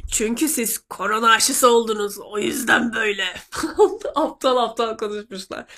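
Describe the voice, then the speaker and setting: A woman's voice: fairly high pitch, a bit bright. A woman from Turkey with a nasal, congested voice from a cold, chatting casually to her listeners as host. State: sick with a cold. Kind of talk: casual chat to listeners, translating a clip aloud.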